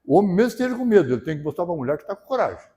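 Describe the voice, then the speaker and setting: A male pastor preaches in a rather high voice that stays mellow and soft-edged. He talks to the congregation conversationally and keeps checking in with them. Now and then he builds into loud, emphatic bursts. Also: sing-song, racing. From southern Brazil. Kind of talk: sermon.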